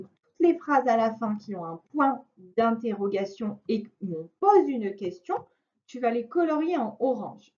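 Woman, teacher, patient and clear, lively rising and falling pitch, dull lo-fi sound. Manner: slow, clear, patient explaining to a young child. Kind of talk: recorded remote classroom lesson. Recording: dull lo-fi recording.

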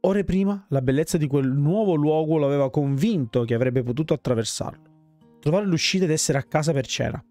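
A man reading a fantasy game's story text aloud at a steady pace. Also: fairly high pitch, a little fast, no echo, soft background music. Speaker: gamer reading game text.

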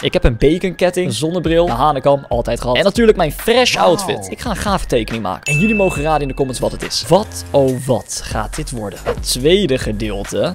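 A man giving energetic Roblox gameplay commentary, swinging between loud exclamations and quieter asides. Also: fairly high pitch, noisy background. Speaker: gaming YouTuber. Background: game music.

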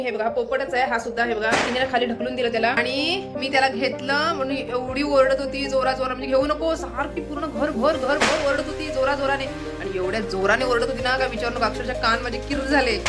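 A woman from Maharashtra chatting casually to viewers as she shows around her home, keeping up a running commentary. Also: fairly high pitch. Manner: chatty, keeps pointing things out to viewers. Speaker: family vlogger. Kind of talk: casual home vlog narration. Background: background music.

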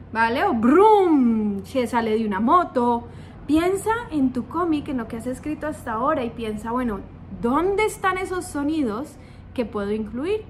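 A young woman teaches a video lesson for young writers in a high, bright register. She speaks slowly and patiently, with a playful, coaxing manner that keeps checking in with her viewers. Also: slight background noise.

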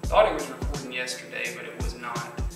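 A man presenting a casual woodworking how-to in a plainspoken, steady way with frequent ums, his voice carrying a big hall-like echo. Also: mid-range voice, fairly quick. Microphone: phone camera mic. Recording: very echoey phone audio from a distance, loud music behind.

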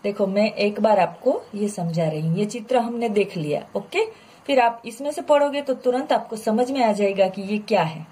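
A woman's voice: mid-range voice, moderate pace, warm tone. A woman teaching a children's lesson online, patiently explaining and drawing out model pronunciations, with English words mixed in.

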